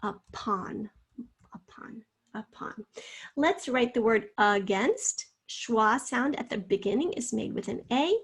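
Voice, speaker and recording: A woman teacher with a slightly high voice walks students through a spelling lesson. She draws out each syllable slowly and speaks to them in an encouraging way. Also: animated, breathy edge. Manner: slow, drawn-out sounding out of words; encouraging, addresses students directly.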